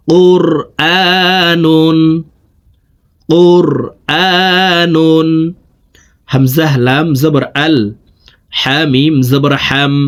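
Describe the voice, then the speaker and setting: Slow, drawling Bangladeshi male recitation teacher. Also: mid-range voice. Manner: spells letters then drawls syllables, quick plain explanations. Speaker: Quran reading teacher. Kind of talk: slow spelled-out recitation lesson.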